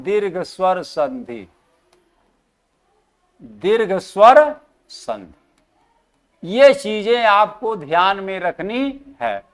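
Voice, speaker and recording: A male teacher giving an exam-prep lesson, asking the class questions and answering them himself, and repeating key terms slowly for emphasis. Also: high-pitched, fairly bright tone, smooth.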